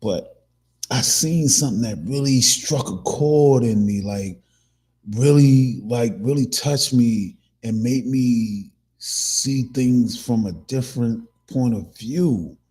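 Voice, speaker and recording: Man, husky voice, rambling talk-show host, lots of fillers. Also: medium pitch, slow, dark tone. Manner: rambling, many restarts and fillers. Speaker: podcast host. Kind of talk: casual commentary.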